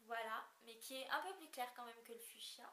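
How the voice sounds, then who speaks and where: A woman's voice: fairly high pitch, fairly quick. A young woman chatting casually in a haul video, hesitant and full of fillers. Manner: hesitant, many fillers, apologetic about describing colors. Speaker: beauty vlogger. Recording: echoey room with faint hiss.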